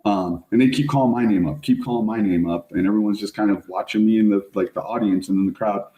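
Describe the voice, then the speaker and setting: A middle-aged man, a fire service officer, telling a story as a podcast guest in a casual, animated way, full of slang. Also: on the low side, quick pace. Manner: animated, slangy, says "like" and "bro" often. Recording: roomy echo.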